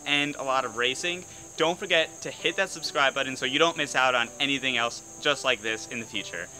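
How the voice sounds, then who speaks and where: A man hosting a hobby vlog outdoors, explaining an experiment with energetic, cheerful talk. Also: medium pitch, poor audio. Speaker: RC hobby channel host. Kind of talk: excited demo vlog.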